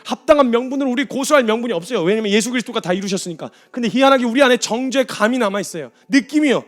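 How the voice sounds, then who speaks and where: A man preaching a passionate sermon as a missionary, moving from quiet, intense talk to shouted exhortation. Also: very high voice, expressive, racing.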